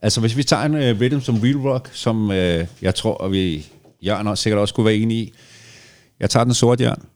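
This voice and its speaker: A man with a somewhat low voice, talking casually and at length about playing in a band. He explains his points step by step, with the odd filler in between. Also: darkish tone. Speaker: reggae band musician. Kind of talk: casual conversation.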